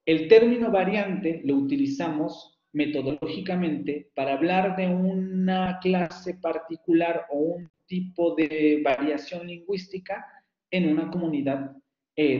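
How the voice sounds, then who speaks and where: A man's voice: fairly high pitch, unhurried. Male university lecturer, patient explainer on a video call; roomy, muffled sound. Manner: explanatory, often checks students follow. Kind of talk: online lecture. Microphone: computer mic on video call. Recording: echoey, dull lo-fi call audio.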